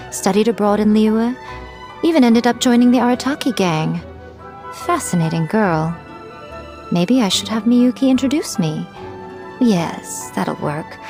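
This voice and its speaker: A woman voicing a sly, elegant fox-spirit shrine maiden in a video game, speaking in deliberate phrases with a coy, haughty, playfully condescending manner. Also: mid-range voice, a little mellow, close to an everyday voice. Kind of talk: scripted video game character voice-over. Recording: music behind the voice. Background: background music.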